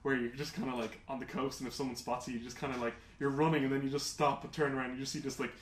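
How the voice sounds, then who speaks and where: A man's voice: mid-range voice, racing. Guy rambling through game stories, lots of "like", roomy sound with a little hiss. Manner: rambling, animated storyteller, full of "like"s. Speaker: podcast co-host. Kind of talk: casual gaming chat.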